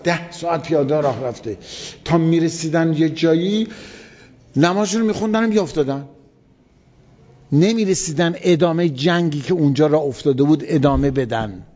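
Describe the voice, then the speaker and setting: A fairly high-voiced man preaches in a relaxed, chatty way, repeating words to drive each point home. His voice rings with a long hall reverb. The recording sounds dull and lo-fi. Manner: vivid retelling with emphatic repetition. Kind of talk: colloquial religious storytelling lecture.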